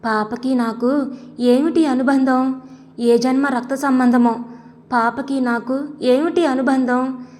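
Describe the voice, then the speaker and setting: A woman voicing a tender young caretaker in an audio story, brooding slowly over her thoughts. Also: high voice. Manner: slow, brooding inner monologue. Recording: long echoey reverb.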